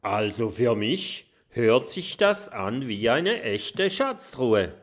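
Little dragon kid, eager and steady, lively up-and-down voice from a guy reading. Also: medium pitch, slow pace. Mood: earnest. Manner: encouraging, earnest. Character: small earnest male dragon, eager and steady.

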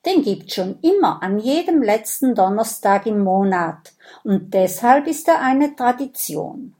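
A woman's voice: fairly high pitch, lively intonation, unhurried, dark tone. A woman voicing an anxious, clever young female character in a children's audiobook. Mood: fretful. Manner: fretful, explaining.

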